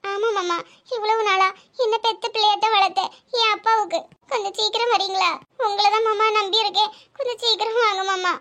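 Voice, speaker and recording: A woman plays an anxious young cartoon wife whose voice sits extremely high and thin. She pleads in a fast, worried Tirunelveli Tamil accent, pressing for help. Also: steady tone, bright, forceful tone. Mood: urgent pleading. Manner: pleading, urgent. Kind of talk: cartoon voice acting.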